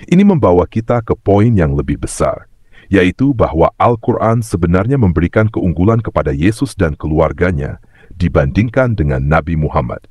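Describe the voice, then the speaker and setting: A man's voice: low-pitched, big pitch swings, moderate pace, darkish tone, slightly rough, no echo. A male host speaking in a polite, formal, scripted way. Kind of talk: scripted narration.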